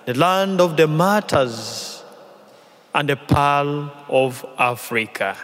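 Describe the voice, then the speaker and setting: A Ugandan man serving as a visiting priest, giving a mission appeal homily at Mass with a slow, deliberate, phrase-by-phrase delivery into a pulpit microphone. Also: fairly high pitch, a bit bright. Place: large church. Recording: long church reverb.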